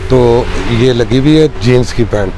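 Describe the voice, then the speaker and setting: A man's voice: medium pitch, normal speed. A Pakistani shopkeeper with a Pakistani Urdu accent describes his clothes and prices in a polite, matter-of-fact way. His voice sits in an ordinary mid range. Faint street traffic can be heard behind him outdoors. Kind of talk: sales pitch in casual talk.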